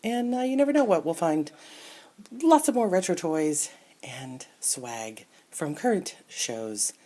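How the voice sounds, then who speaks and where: A middle-aged woman, an entertainment reporter, chatting casually as she shows off an old toy set, musing aloud with fillers and soft asides. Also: on the low side, expressive, slow. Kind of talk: casual show-and-tell toy review. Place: indoors at a table with the toys. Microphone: camera mic close by.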